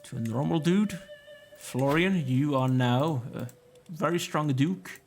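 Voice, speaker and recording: A tired, yawning let's play gamer casually comments while playing a strategy game, musing aloud and talking to the on-screen characters. His voice is a little high and he takes it slowly, with faint music behind.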